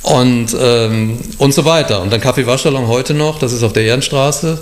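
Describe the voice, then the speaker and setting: A man's voice: medium pitch, moderate pace. A middle-aged man from Cologne telling his life story in an interview, rambling with many fillers and restarts. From Cologne, Germany. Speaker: guest, bar owner and musician.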